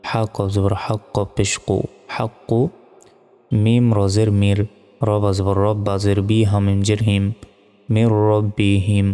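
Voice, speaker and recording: Slow, low-voiced man teaching Quran reading. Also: completely flat delivery, mellow, clean tone. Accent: Bangladeshi Bengali. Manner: spells letters and vowel marks syllable by syllable, then chants the verse. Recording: reverberant hall sound with faint music.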